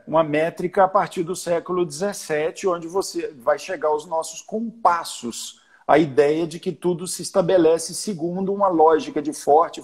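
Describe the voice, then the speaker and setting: A man's voice: high-pitched, darkish tone, breathy edge. A man with a Brazilian Portuguese accent, a choir conductor talking on a live stream, explaining at length with many restarts and counting out beats. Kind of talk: casual chat on a live stream.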